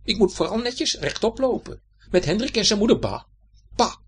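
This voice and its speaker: A man voicing a hot-tempered, football-mad left shoe in a children's story, shrill and defiant. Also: big pitch swings, normal speed, a bit bright, slightly rough, full character voice.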